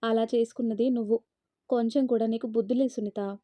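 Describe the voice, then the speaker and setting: A woman's voice: on the high side, fairly even intonation, brisk, dark tone, no echo, close to an everyday voice. A woman voicing a cold young husband who curtly reproaches his wife. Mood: reproachful. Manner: curt, reproachful.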